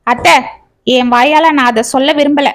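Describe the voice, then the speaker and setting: A bitter young husband hurls harsh accusations in a fairly high voice, played by a woman narrator. He scolds relentlessly and cuts off any reply, keeping every line sharp. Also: steady tone, moderate pace. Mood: angry.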